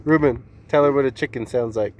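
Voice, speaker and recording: A woman's voice: extremely low pitch, brisk, a little mellow, a little hiss or hum. A woman chatting casually for a family vlog, egging others on in a teasing way.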